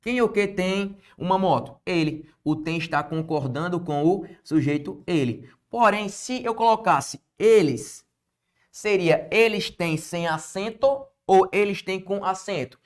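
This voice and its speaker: A man's voice: sits high, unhurried. A man with a Brazilian Portuguese accent teaching an exam-prep grammar lesson, quizzing the viewer with rhetorical questions.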